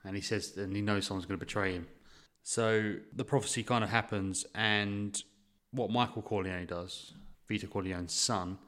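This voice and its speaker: Low-voiced man retelling a plot. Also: steady tone, normal speed, hardly any pauses, fairly bright tone. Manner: rambling retelling with fillers. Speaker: podcast co-host. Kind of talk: casual chat.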